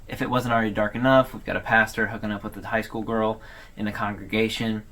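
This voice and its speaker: A video host recaps an online horror series in a casual, conversational way, explaining as he retells the story. His voice is fairly low and a bit bright, with a level tone, and he talks fast.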